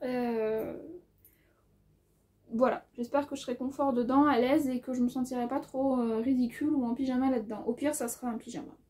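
High, mellow-voiced woman chatting through a haul. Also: steady tone, brisk. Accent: has an accent of her own. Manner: chatty, thinks aloud while measuring fabric; lots of hesitations and filler words. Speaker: sewing vlogger. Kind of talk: casual haul video chat.

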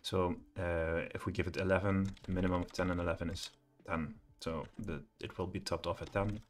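A man's voice: deep voice, steady tone, fairly quick, a little hiss or hum. A middle-aged man giving a live coding walkthrough from a home office, thinking aloud and hesitating with many fillers. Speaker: programming tutor.

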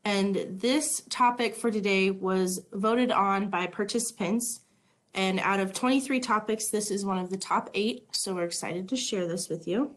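A woman's voice: mid-range voice, a little slow. A woman from Montana, an extension agent, co-hosting an educational webinar over a video call in an upbeat, friendly way with some filler ums. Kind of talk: webinar presenting.

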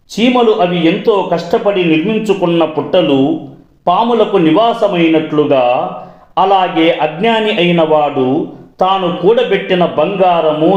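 High-voiced man chanting classical verses. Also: darkish tone, echoey room, lo-fi sound. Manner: melodic chanting of verses, then brisk plain-spoken meaning. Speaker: reciter and explainer of classical verses. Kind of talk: chanted verse recitation with spoken explanation.

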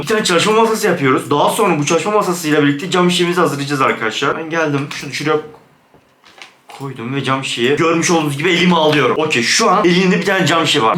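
Gaming YouTuber, male, bright lively voice, jumpy and easily spooked, echoey room. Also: a little high. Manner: jumpy, excitable, switches to hushed scared whispers. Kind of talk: Minecraft let's play commentary.

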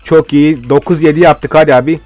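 A man's voice: on the high side, steady tone, fairly quick, darkish tone, faint music behind. Swearing young man ranting over a game. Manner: frustrated ranting, heavy swearing. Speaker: gaming video host. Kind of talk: live game commentary.

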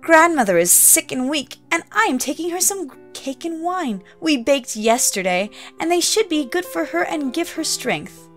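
A woman doing a high, eager little girl in a red cap. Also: very animated, moderate pace, soft background music. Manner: bright, eager and childlike, rising to frightened cries. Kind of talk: storybook reading.

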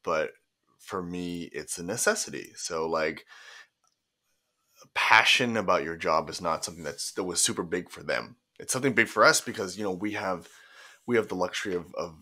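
A man with a very deep yet bright, forceful voice chats casually as a podcast co-host. He talks in an animated way, laughing easily between thoughts. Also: normal speed. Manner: animated, laughs often, mimics parents in put-on voices. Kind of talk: casual chat.

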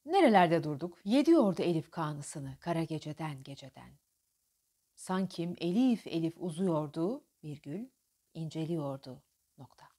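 Woman diction coach, swoops up and down a lot, reads poem lines with big stresses and pauses. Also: low-pitched, sing-song, mellow. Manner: alternates explanation with dramatic poem recitation, marked pauses and stress. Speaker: diction teacher. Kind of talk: diction lesson with poetry reading.

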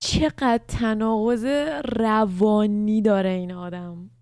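A woman's voice: medium pitch, flat delivery, darkish tone, clean tone, no echo, clean studio sound. A young woman streamer reacting to a video in casual commentary, blunt and incredulous, swearing freely.

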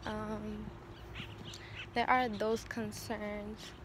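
A woman's voice: mid-range voice, flat delivery, very slow, background noise. A young woman chatting casually to camera while walking or running outdoors, recorded on a phone held on a selfie stick. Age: young adult. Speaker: vlogger. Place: outdoors in the open air. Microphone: phone on a selfie stick at arm's length.

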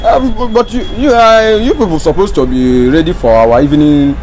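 An actor with a Nigerian accent playing a teasing, halting church brother. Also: male voice, on the high side, close to an everyday voice. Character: jolly pious church man. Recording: loud crowd and noise.

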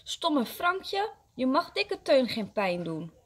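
Woman voicing a timid, easily scared little storybook boy, high and lively, husky. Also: slow. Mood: upset.

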